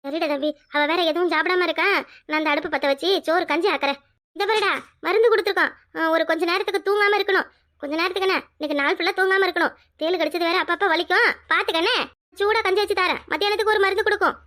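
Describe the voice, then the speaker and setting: A woman's voice: very high-pitched, racing, sharp tone. A woman voicing a scolding yet caring old village grandmother in a cartoon, with a Tirunelveli Tamil accent. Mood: bossy. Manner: scolding, fussing, chatty. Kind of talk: cartoon voice acting.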